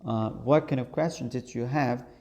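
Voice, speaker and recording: A man whose first language is Persian, teaching an online English class in a slow, halting way with many fillers. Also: mid-range voice, a little mellow.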